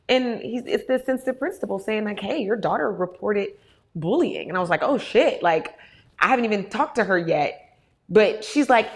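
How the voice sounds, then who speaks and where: A woman in her thirties, a host answering audience questions in a candid, animated way and swearing often. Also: medium pitch. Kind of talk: casual talk to an audience.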